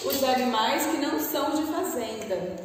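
A woman teaching first graders in a slow, patient way, spelling words out letter by letter, with a Brazilian Portuguese accent and a strong rolled R. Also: high voice, expressive, background noise. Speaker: primary school teacher. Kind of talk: remote class for first graders. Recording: echoey room, voice from far off.

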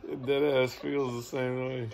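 Tired gravelly man, low-key. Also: little pitch movement, moderate pace, darkish tone. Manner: low-key, mumbling, laid-back. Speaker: vlogger's partner. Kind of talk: casual chat.

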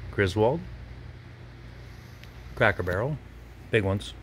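Man calling out auction lots, low-voiced. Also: lively intonation, slight background noise. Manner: brisk item-by-item listing. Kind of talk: walkthrough auction preview. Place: large auction gallery warehouse. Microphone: handheld phone camera.

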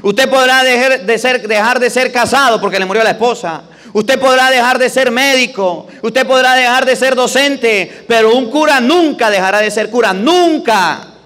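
A man's voice: very high-pitched, fairly bright tone. A man preaching and leading prayers at Mass, with emphatic, repetitive phrasing. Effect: long church reverb. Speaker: priest. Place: large church. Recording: echoey church hall.

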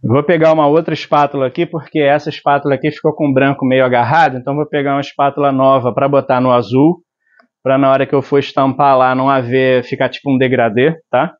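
Speaking quickly in a flat, mid-range voice, this forties-something man from Brazil gives a hands-on screen printing tutorial in his workshop. He mixes inks, explains step by step and keeps asking "tá?" to check on the viewer, recorded on a lapel mic with a somewhat dull lo-fi quality.

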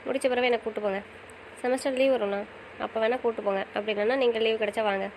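A young woman chatting with her husband in a quick, rather high voice. She talks at a brisk pace, affectionate and teasing, now pleading and now playful. It is casual couple banter. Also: steady tone, a little mellow, slight background noise, poor audio. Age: young adult. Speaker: wife in a couple's chat.

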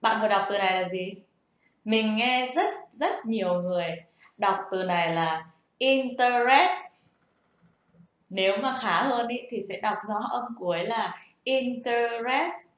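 Young woman explaining, echoey. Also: medium pitch. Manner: patient, explanatory, asks the listener rhetorical questions. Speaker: self-taught English learner sharing tips. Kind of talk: casual spoken lesson. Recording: echoey room.

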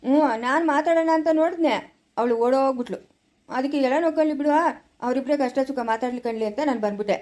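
A woman's voice: sits high, fast talker, darkish tone, natural voice. A woman playing a gossipy young village woman with a rural Chikkaballapur accent, chatty and teasing in a comedy skit. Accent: Chikkaballapur rural Kannada.

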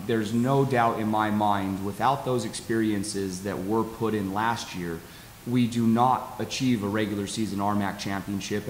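A middle-aged American man, a college soccer coach, giving measured, halting answers in a post-game interview. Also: on the low side. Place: press conference table with backdrop. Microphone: table stand microphone. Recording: echoey hall, audible hiss.

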